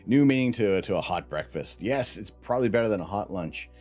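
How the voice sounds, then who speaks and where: A man hosting a live stream, chatting with viewers and thanking them, laughing and clearing his throat between bites of hot peppers. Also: lowish voice, expressive, a little fast, a little mellow, soft background music. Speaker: livestream host. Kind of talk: casual live-stream chat.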